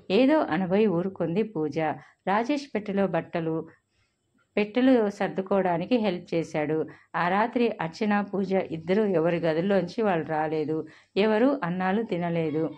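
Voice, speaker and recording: A woman storyteller reading a family drama aloud in a steady, expressive narration. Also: lowish voice.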